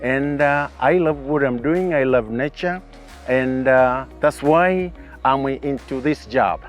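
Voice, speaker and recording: A man's voice: medium pitch, takes it slowly. A man from Tanzania who organizes safaris, answering interview questions hesitantly with many fillers. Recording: faint music behind.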